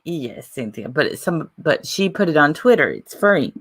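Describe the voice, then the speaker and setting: A woman co-hosting a casual livestream with a deadpan, teasing manner, passing along viewer messages. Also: low voice, normal speed, husky. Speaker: co-host.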